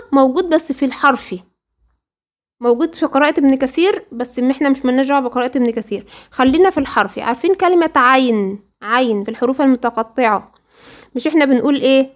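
A high-pitched woman with an Egyptian accent leads a recitation lesson. She quizzes her students and then answers the questions herself. Now and then she slowly draws out example words. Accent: Egyptian Arabic. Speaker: Quran recitation teacher.

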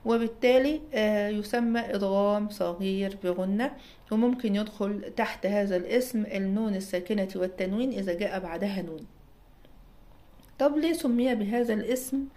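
In a dark-toned, mid-range voice, a woman with an Egyptian Arabic accent explains material as a recitation teacher. She works through self-posed questions and makes sure her listeners are following.

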